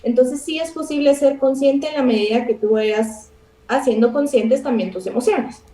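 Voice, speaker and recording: A Guatemalan woman, a psychologist guest, calmly explaining with everyday examples in a radio interview. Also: high-pitched, normal speed. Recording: roomy, distant from the mic.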